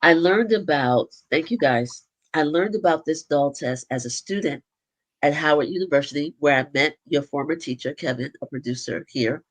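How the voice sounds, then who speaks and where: A woman hosting an interview, explaining background in a measured way before asking her guest a question. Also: sits low. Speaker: host. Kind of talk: interview conversation.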